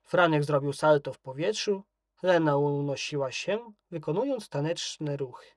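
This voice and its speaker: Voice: mid-range voice, animated, normal speed, no echo, studio quality. A narrator reading a children's story aloud.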